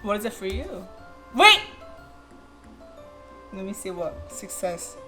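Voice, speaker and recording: A woman's voice: medium pitch, big pitch swings, takes it slowly, sharp tone, faint music behind. Chatty woman mukbang vlogger. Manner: chatty rambling storyteller, laughs easily. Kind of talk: casual chat while eating.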